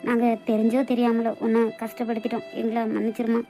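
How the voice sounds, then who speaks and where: A woman voicing a gentle old village grandmother with a Kanyakumari Tamil accent in a cartoon, speaking in a soothing, apologetic way. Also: a little high, completely flat delivery, quick pace, faint music behind, pitched below the performer's own voice, lightly acted. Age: older.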